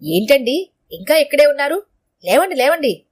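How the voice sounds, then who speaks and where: A woman's voice: sits high, animated, a little fast. Melodramatic middle-aged wife, wailing over soap operas, voiced by a woman narrator. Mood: bustling. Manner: wailing, dramatic.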